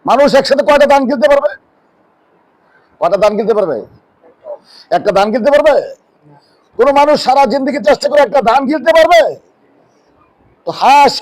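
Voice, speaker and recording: High, lively male preacher. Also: rough recording. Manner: rhetorical questions answered by himself; emphatic, drops low for key words. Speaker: Islamic preacher. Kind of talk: sermon. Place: mosque.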